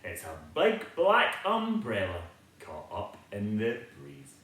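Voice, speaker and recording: A man with a fairly low, fairly bright voice reads a children's picture book slowly, his pitch swooping wildly. His theatrical, sing-song style invites listeners in, and the room is very echoey and reverberant.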